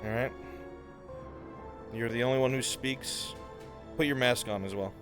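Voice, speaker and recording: A man's voice: medium pitch, steady tone, unhurried, over music. A man chatting casually as he organizes a role-play game scene.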